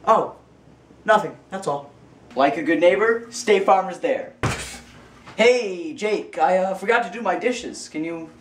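A man's voice: high-pitched, expressive, measured pace, roomy sound, recorded from a distance, a little hiss or hum. A young man playing a needy, casual insurance customer in a TV commercial parody skit. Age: young adult.

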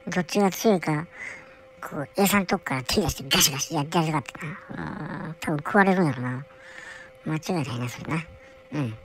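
A woman's voice: low-pitched, fairly quick, slight background noise, lightly acted, poor audio. A woman voicing a bored, whiny young male polar bear cub who rambles and grumbles to himself with a Kansai accent. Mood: bored grumbling. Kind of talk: comic character monologue.

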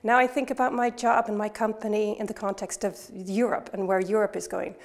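A woman in her thirties gives a calm, articulate testimonial to camera in a classroom. Her pitch sits in a middle range and she weighs her words as she goes. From Ireland. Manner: measured, articulate, reflective. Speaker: course participant. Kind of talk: testimonial interview. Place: classroom by a window.

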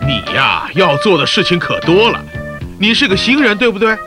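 High swooping male voice, sarcastic scolding mentor, exclamatory, Taiwanese Mandarin accent, instructional comedy. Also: big pitch swings, moderate pace, over music. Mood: coaching. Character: teasing, scolding male narrator-mentor coaching a newcomer. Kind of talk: comic instructional narration.

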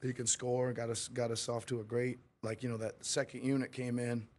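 A man's voice: mid-range voice, level tone, fairly quick, a little mellow. Middle-aged man, head coach at a press conference, rambling candid answers at a table mic. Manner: candid, rambling, with frequent restarts. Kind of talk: post-game press conference. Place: press room before a sponsor backdrop. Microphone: table mic in front of him.

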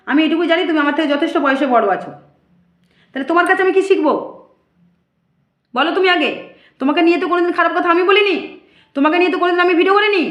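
High-pitched, fast-talking aggrieved woman. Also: fairly bright tone, reverberant. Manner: aggrieved, defensive and lecturing. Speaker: vlogger answering critics. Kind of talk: direct-to-camera rant.

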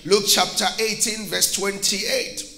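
A man preaching a sermon as a pastor in a church, with impassioned bursts of shouting and call-and-response with his congregation. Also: high voice, steady tone, takes it slowly, gravelly, reverberant.

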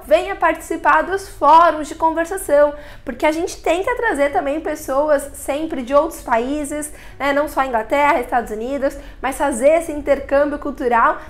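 A woman from Brazil giving a chatty English pronunciation lesson, sounding out vowels as she explains. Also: high-pitched. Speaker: English teacher. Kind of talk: casual video lesson.

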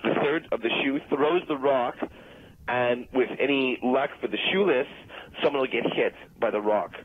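Calling in by telephone, a husky man with a mid-range voice speaks at a moderate pace on a dry recording. The comedic conversation has him insistently rambling through a lengthy explanation and getting flustered at not being heard. Faint music plays on the tinny line.

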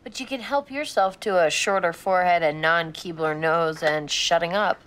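A woman's voice: lowish voice, moderate pace, fairly bright tone, lightly acted. An actress playing a blunt, sarcastic, rebellious young woman in a sitcom. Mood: snippy. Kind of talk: sitcom acting.

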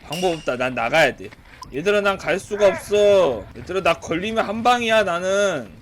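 A man casually commentating his own horror game match, reacting excitedly and laughing at the action. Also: high-pitched, moderate pace, a little hiss or hum. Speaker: game streamer.

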